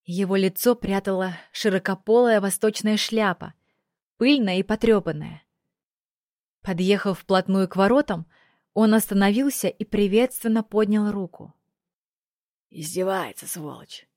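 A woman narrating a fantasy audiobook in a steady, expressive reading. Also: medium pitch, moderate pace, dry recording, clean studio sound. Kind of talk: scripted narration.

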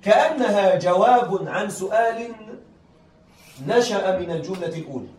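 Teaching a class on Arabic rhetoric, this man has a high, somewhat dark voice and an animated delivery at a moderate pace. He goes over grammar repeatedly, checking his students understand, and the recording is echoey and distant with faint noise behind him.

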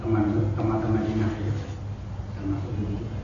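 A man in the audience asking a hesitant, halting question. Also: fairly low pitch, monotone, warm tone. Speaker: audience member. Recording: faint, distant, muffled audience mic.

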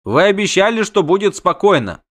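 Alarmed tavern keeper, voiced by a male reader, fussy, loud exclamations. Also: high voice, very animated, a little fast, voice pushed up. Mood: wary. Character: gruff male innkeeper, middle-aged, alarmed and pushy.

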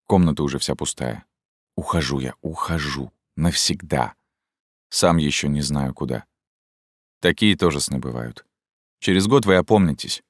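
A weary, guarded middle-aged scientist, as read by a male narrator, slow and resigned in a very low voice. He speaks quietly and close, with a dry studio sound. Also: no echo.

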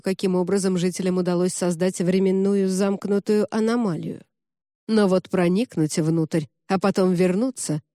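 A woman reading the part of a cold, composed middle-aged male cardinal inquisitor, who speaks calmly, slowly and with indifference. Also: medium pitch, no room sound, clean studio sound, natural voice. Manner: calm, slow, indifferent.

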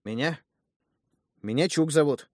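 A man doing a brash young bandit, loud and indignant. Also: a little high, a little slow, dry recording, clean studio sound, voice pushed up, natural voice. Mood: cocky.

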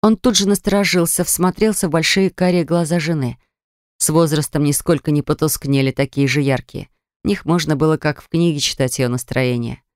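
An audiobook narrator reading a family drama in an even storytelling delivery. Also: mid-range voice, brisk, dry recording, clean studio sound. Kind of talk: scripted narration.

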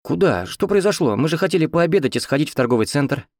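A man voicing an indignant, exasperated young wife in an audiobook, raising his pitch for her. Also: very animated, quick pace, no room sound, studio quality. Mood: puzzled.

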